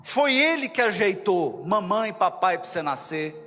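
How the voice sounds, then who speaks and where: A man with a Mineiro Brazilian accent giving a spiritual lecture, animated and acting out little dialogues as he talks to his audience. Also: high voice, moderate pace, big-room sound. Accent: Mineiro Brazilian Portuguese. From Minas Gerais, Brazil. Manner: animated, acts out dialogues, addresses the audience directly.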